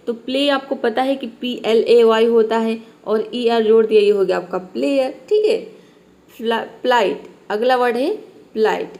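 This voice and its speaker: Lady teacher explaining spelling rules, slightly high voice, patient, keeps saying theek hai. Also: a little mellow. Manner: patient, repeats "ठीक है" and "देखिए" often. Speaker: English teacher. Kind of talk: classroom spelling lesson.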